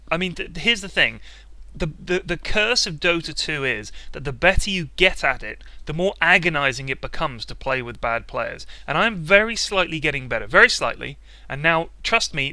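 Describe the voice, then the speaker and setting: A man's voice: on the high side, pushed and bright, no room sound. A man delivering sarcastic, exaggerated comic commentary about playing an online game, closely miked. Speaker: video commentator.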